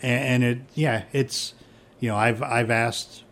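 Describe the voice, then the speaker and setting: A man's voice: mid-range voice, fairly even intonation, a little slow, creaky, a bit bright. A middle-aged man, a police chief, chatting casually and rambling with many fillers and restarts. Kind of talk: casual conversation.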